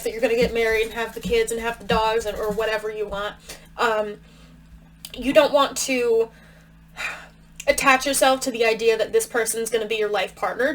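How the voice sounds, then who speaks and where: Woman tarot reader, slightly high voice, chatty and musing, cough drop in her mouth, faint hum behind. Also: rough recording. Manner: chatty, thinks aloud with fillers and restarts. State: talking around a cough drop. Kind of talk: casual tarot reading to camera.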